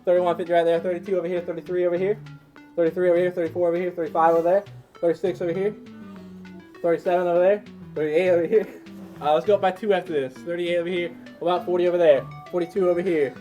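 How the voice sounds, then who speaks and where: A man's voice: high voice, steady tone, quick pace, dark tone, soft background music. A man working as an auctioneer, calling out bids and repeating prices in a chant. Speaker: auctioneer and host. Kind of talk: live auction calling of game lots.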